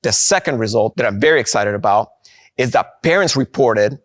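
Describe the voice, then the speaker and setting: A man delivers a conference keynote in a mid-range voice. He is upbeat and slows down to land his key points. The sound is dry and close, with no room echo. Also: mid-range voice, lively intonation. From Guatemala. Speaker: presenter of a product.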